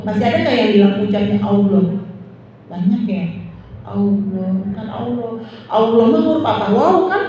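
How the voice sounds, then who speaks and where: A woman's voice: fairly high pitch, mellow, slight background noise. Woman teacher in an echoey hall. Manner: drawn-out demonstrative recitation, asks the audience questions. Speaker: Islamic teacher. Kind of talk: religious study lesson to women. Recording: distant echoey hall, dull lo-fi sound.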